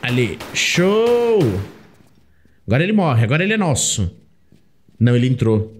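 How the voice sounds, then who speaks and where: A young man with a Brazilian Portuguese accent giving casual, chatty, excitable commentary while playing a video game, often talking to the character on screen. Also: medium pitch, fast, slight background noise. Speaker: gameplay commentator. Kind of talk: casual let's play commentary.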